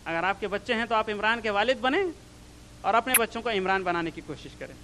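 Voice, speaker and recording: A man with a notably high-pitched voice lectures before an audience, explaining things earnestly. His delivery swells with emphatic rises as he answers questions from the floor. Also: quick pace, bright, forceful tone, a little hiss or hum, rough recording. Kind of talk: public religious talk.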